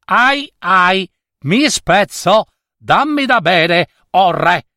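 A man voicing a magic rope in a storybook tale, crying out in high, strained wails. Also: big pitch swings, very slow, sharp tone, no room sound, clean studio sound, exaggerated voice. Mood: wailing. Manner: wailing, high strained cries.

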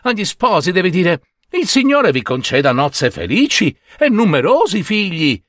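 A man's voice: sits high, huge pitch swings, normal speed, fairly bright tone, no echo, studio quality, pitched above the performer's own voice, heavily acted. A man doing a scolding peasant mother. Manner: chiding, exclaiming.

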